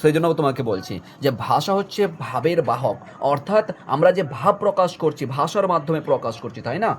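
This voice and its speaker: A man's voice: on the high side, lively intonation, moderate pace, a little hiss or hum. A young adult male teacher giving an exam-focused online lesson, explaining a text line by line and checking often that students follow.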